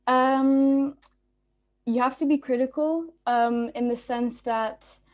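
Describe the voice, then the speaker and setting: A woman's voice: high voice, fairly even intonation, takes it slowly, a little mellow. A young woman from Belgium, a student speaker, giving a casual, informal talk on a video call with many ums and restarts. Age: young adult.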